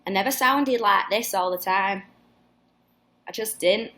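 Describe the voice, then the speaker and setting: A singer in her twenties with a mixed Northern English accent hosts a live fan Q&A on a casual livestream. Her mid-range voice is pushed and bright, moving at a measured pace as she rambles, swears, and restarts often.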